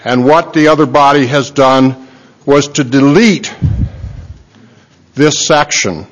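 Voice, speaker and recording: A man, a committee chairman, giving a plain floor speech in a legislative chamber with a few halting restarts. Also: mid-range voice. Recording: dull lo-fi chamber feed.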